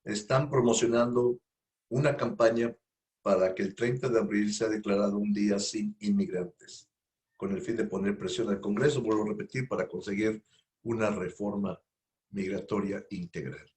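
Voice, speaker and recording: Speaking at a moderate pace in a fairly low, steady, somewhat dark voice, this radio host opens an interview informally. He wanders, circles back over the same points, and leans on fillers, all captured on a studio mic.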